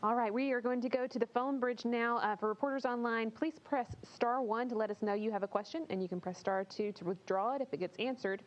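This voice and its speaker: Higher-voiced woman moderator, phone-like sound. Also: fairly quick, hardly any pauses, slight background noise. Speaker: press event moderator. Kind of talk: informal live moderating. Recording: thin phone-like line.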